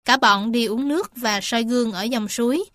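A woman reading animal stories and facts aloud to young children, gentle and addressing them warmly as little ones. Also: fairly high pitch, normal speed, dry recording. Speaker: storyteller for children. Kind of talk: children's storybook narration.

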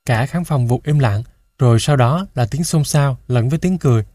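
Brief: male audiobook narrator, mid pitch, measured first-person reading, dry close-mic sound. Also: warm tone, dry recording.

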